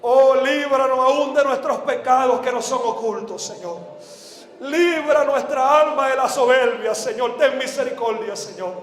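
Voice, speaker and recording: A man evangelist preaching a sermon and leading an altar prayer, fervent, dropping to a soft tone then rising to shouts, with a repetitive prayer cadence. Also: very high voice, unhurried. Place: large church hall before a congregation. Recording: echoey hall with long reverb.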